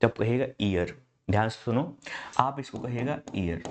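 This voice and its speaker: With a mid-range, animated voice at normal speed, a man walks students through English grammar step by step in a Hindi online class. He speaks with an Indian English accent, asks rhetorical questions, and says "my brother." A little hiss or hum is audible.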